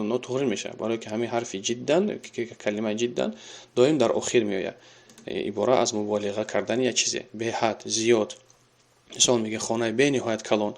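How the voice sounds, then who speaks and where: A man gives a recorded Arabic lesson in a middle-pitched voice. He reads each example sentence slowly, then talks it through with frequent filler sounds. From Tajikistan. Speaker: Arabic teacher.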